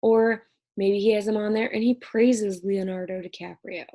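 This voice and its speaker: A woman's voice: medium pitch, fairly even intonation, moderate pace, mellow. A woman instructor talking through an exam review lecture in a conversational way, checking in often with "right?".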